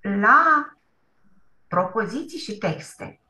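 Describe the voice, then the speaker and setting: A woman's voice: medium pitch, animated, bright, forceful tone, echoey room. A woman teaching young children in an online class, encouraging them, often checking with "da?" and praising with "bravo". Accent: Romanian. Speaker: primary school teacher. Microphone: computer mic on a video call.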